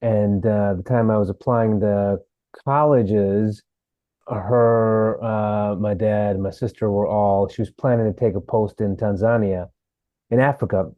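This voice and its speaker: A man from Sri Lanka, an actor, telling his story as a podcast guest in a relaxed way, with fillers. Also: lowish voice, measured pace, no echo, phone-quality sound. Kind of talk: interview.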